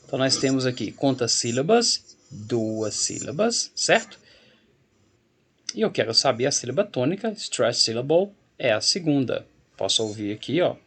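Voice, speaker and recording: A man's voice: mid-range voice, sing-song, moderate pace, a bit bright, slightly rough. A man teaching an English grammar lesson to school students, explaining patiently and repeating key points to reassure them.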